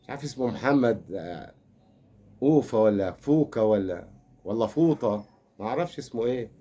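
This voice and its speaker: With a medium pitch, lively intonation and a brisk, mellow delivery, an older man with an Egyptian accent rambles through a comedic football rant. He's a fan commentator, teasing and mock-consoling as he goes.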